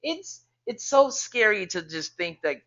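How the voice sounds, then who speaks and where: Lively slangy man reacting, lo-fi. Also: high voice, measured pace. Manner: reactive, slangy, swears often. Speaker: podcast co-host. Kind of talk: casual chat. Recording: dull lo-fi sound.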